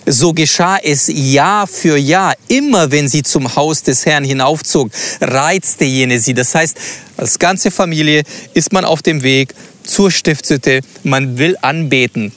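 A man's voice: fairly high pitch, slow, fairly bright tone. A man teaching on a Bible passage, thinking aloud and asking open questions. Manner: reflective, asks open questions. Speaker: preacher.

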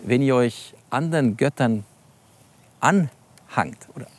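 Unhurried and without any echo, a man's mid-range voice carries a Bible sermon as a preacher reads verses aloud and unpacks them. He emphasizes individual words and talks straight to his listeners.

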